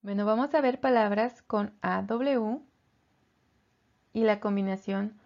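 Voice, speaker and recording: Very slow, careful woman teacher. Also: mid-range voice, vocal fry, lo-fi sound. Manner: slow and careful, repeating each word twice. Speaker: English pronunciation teacher. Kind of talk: slow pronunciation lesson.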